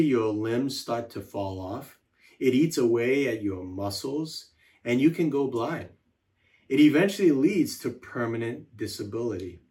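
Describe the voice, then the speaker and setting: A man giving a devotional teaching in a measured, reflective way, slowing down to list words one by one. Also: mid-range voice, a little mellow. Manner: measured, reflective delivery with slow listed words.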